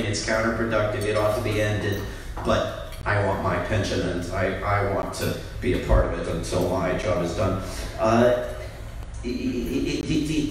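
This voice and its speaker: A man giving an impassioned speech on a panel, often restarting his sentences. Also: medium pitch. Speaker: panel speaker, antiwar group director. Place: large indoor event room. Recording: very echoey room, distant mic, faint background noise.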